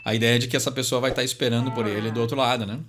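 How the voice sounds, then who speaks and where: Faint music plays behind a young Brazilian man with a medium-pitched, fairly bright voice and flat delivery. Speaking with a Brazilian Portuguese accent, he hosts a channel where he casually unpacks song lyrics, chatting, filling gaps with "né?" and reading the English lines slowly.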